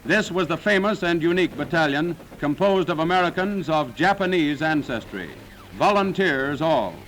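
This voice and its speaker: A man's voice: a little high, a bit bright, a little hiss or hum, low-quality recording. Man narrating an old 1940s newsreel. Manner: dramatic, solemn declamation.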